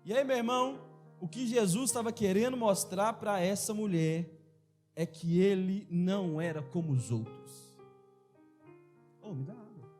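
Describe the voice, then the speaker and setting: A high-voiced man preaching in a church with emphatic, animated delivery. He calls out directly to his listeners, while faint instrumental music plays behind him. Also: moderate pace. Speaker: pastor. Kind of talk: sermon.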